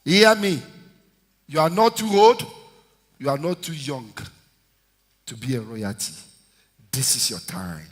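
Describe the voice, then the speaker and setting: A man in his fifties, a senior pastor preaching a sermon with shouted call-and-response to his congregation. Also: mid-range voice, lively intonation, unhurried, long pauses. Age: 50s. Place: church hall. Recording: echoey church hall reverb.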